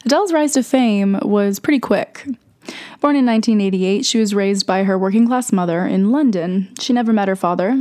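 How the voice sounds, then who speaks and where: A woman's voice: medium pitch, warm tone. A young woman hosting a radio music show with scripted commentary, sounding congested with a sore throat and a stuffy nose.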